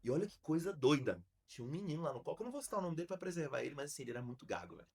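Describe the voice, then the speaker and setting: A man from Brazil, a podcast host, telling a story in a casual, slangy, animated way with many restarts. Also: fairly high pitch, very fast, creaky, slightly rough.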